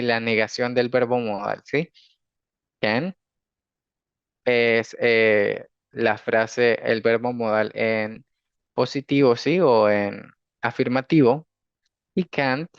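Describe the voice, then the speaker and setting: A man teaching an English class, explaining patiently and often checking that students follow, reading example sentences slowly. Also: mid-range voice, creaky, clean tone, no room sound. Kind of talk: recorded class lecture. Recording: dull lo-fi dry recording.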